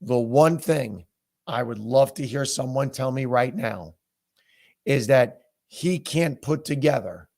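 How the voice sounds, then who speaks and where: A man with a hoarse, sore-throated voice giving a blunt, emphatic opinion monologue to viewers as a political commentator. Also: mid-range voice, animated, slow pace, darkish tone.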